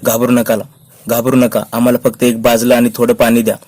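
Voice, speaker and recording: A man's voice: mid-range voice, completely flat delivery, brisk, a little mellow, lightly acted. A man reading the urgent, reassuring commands of a tough cavalry officer, in a level voice. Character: tough male cavalry officer, calm under pressure.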